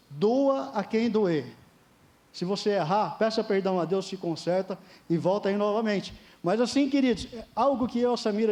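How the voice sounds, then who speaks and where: Man, Brazilian Portuguese accent, pastor, emphatic sermon, very high voice. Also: darkish tone. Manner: emphatic preaching, repeatedly addressing listeners as dear ones. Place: church service.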